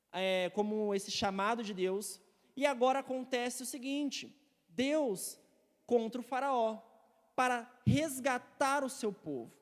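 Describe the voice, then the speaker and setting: A woman's voice: fairly high pitch, big-room sound. A woman teaching a church Bible study with slides, explaining patiently and often adding tag questions.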